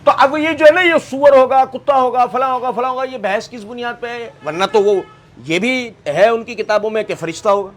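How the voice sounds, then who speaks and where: A male preacher giving a sermon on scripture, firing rhetorical questions at his listeners and acting out the voices he quotes. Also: very high voice. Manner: lively, acts out quoted voices. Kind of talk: Quran commentary sermon.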